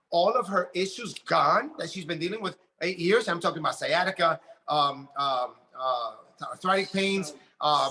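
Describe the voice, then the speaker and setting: A man in his late forties giving an energetic motivational talk about his business, often repeating words as he builds up steam. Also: high-pitched, a little hiss or hum. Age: 40s. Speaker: network marketing leader.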